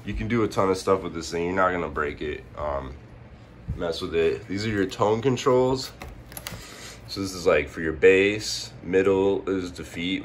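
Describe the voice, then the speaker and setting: A hungover man giving a casual, off-the-cuff how-to at home in a laid-back, rambling, slangy way. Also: low-pitched. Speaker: presenter of a home stereo tutorial. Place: indoors at home, behind the camera. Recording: noticeable background noise, handheld home video.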